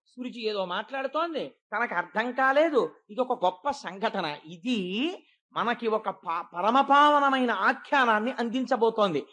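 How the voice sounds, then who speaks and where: A woman giving a devotional discourse, retelling a scripture story and acting out the characters' words with shifts in pace and loudness. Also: fairly high pitch. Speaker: spiritual speaker.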